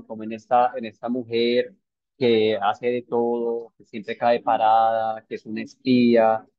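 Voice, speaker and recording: A man with a medium-pitched voice presents a novel to a book club in an informal discussion. He sounds thoughtful and hesitant, using lots of fillers and tag questions. The recording is dry, with a dull lo-fi quality.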